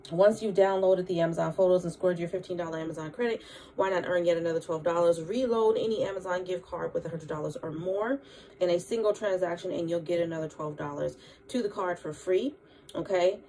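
A woman's voice: on the low side, fairly quick, mellow, a little hiss or hum. A woman, vlogging in a chatty way and reading news articles aloud with her own asides, often checking in with listeners. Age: 30s. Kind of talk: casual news commentary vlog.

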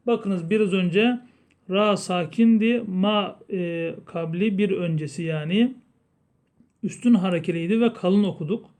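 A man teaching Quran recitation rules, explaining slowly and chanting the verses long and drawn out. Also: high voice, darkish tone. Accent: Turkish. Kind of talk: tajweed lesson with chanted recitation.

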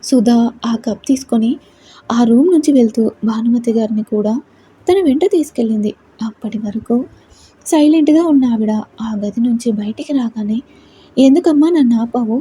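A woman narrating a serialized family story at a calm, even pace. Her voice sits fairly high and sounds very mellow and warm. She reads like a practiced storyteller. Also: moderate pace, slightly rough, poor audio.

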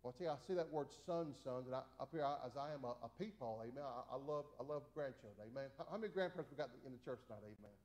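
Preaching at a small-church Bible study, this forties-aged pastor talks rapid-fire with few pauses and lively intonation. His mid-range voice is a little mellow, and his folksy style repeats itself, restarting with stammers and peppered with "amen."

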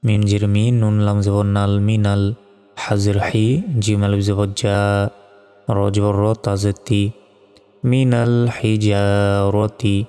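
A man with a Bangladeshi accent teaches Quran reading, spelling out every letter and vowel mark with slow, patient care. His low, warm voice stays smooth and level. It rings with a long reverb over faint background music. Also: monotone. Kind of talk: spelled-out recitation lesson.

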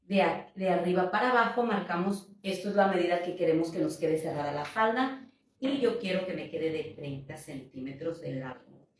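A woman's voice: on the low side, expressive, normal speed. A woman teaching a step-by-step sewing tutorial, patient and instructive as she counts out measurements. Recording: echoey room, voice a bit far from the mic, faint noise.

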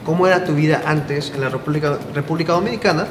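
A man's voice: on the high side, quick pace, reverberant, in a large hall, background noise. A man hosting a casual interview with a playful, chatty manner, asking questions in a studio. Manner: chatty, playful, gives many short backchannels. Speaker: interviewer and channel host. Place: studio with dark curtain backdrop.

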